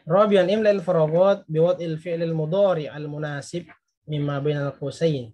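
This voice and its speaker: A man's voice: a little high, fairly even intonation, normal speed, dark tone. A man giving a recorded Arabic grammar lesson, explaining patiently and translating each word. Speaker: Arabic teacher.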